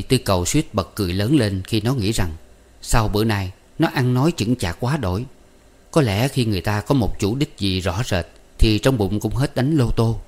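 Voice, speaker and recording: A man narrating a story in a calm, even way. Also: fairly low pitch. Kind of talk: audiobook narration.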